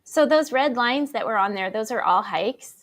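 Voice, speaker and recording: A woman from Southeast Alaska in a casual chat, lively and curious, asking questions. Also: a little high, normal speed.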